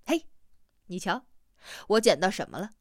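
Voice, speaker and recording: A woman reading an audiobook, voicing a quiet, cheerful male helper with a friendly, easygoing manner. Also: mid-range voice, very animated, normal speed, no echo, clean studio sound.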